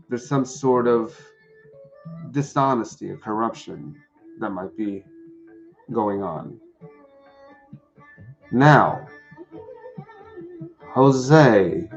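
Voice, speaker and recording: A man's voice: mid-range voice, muffled recording. A man doing a live-streamed tarot reading, chatting with viewers and answering the chat. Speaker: tarot reader.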